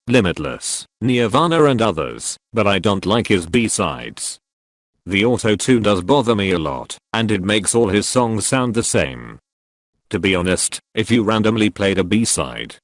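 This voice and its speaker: A text-to-speech male voice reading a scripted opinion commentary with an even, synthetic delivery. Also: fairly low pitch, no echo, studio quality. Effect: text-to-speech robot voice.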